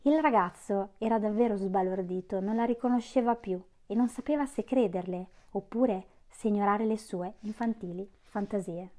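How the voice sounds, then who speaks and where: A woman reading a novel aloud in measured storytelling. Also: mid-range voice, darkish tone. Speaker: audiobook reader.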